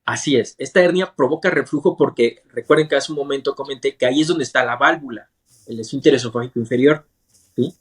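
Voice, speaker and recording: A male surgeon talks through a medical topic as a guest, keeping it simple and stopping often to check that listeners follow. His voice sits at an ordinary middle pitch with a slightly husky, breathy edge. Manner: patient and teacherly, often checks understanding with a quick question. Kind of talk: explaining medicine in plain terms in an interview.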